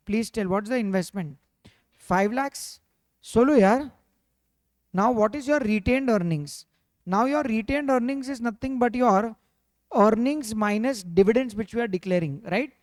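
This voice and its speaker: Speaking at a medium pitch with no room sound, a finance teacher with an Indian accent runs a revision lecture that keeps students involved through repeated questions. The odd Hindi interjection slips in as well.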